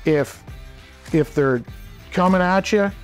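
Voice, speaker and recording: In a small indoor wooden workshop, a man in his forties gives a casual, down-to-earth instructional talk to camera. His voice is high and slow, and soft music runs in the background.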